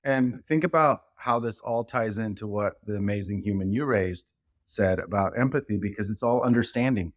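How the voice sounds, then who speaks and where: Rambling, animated man guest on a podcast. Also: lowish voice, normal speed, no echo, clean studio sound. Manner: animated storyteller, rambling with restarts. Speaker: podcast guest, leadership expert. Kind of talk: casual podcast conversation.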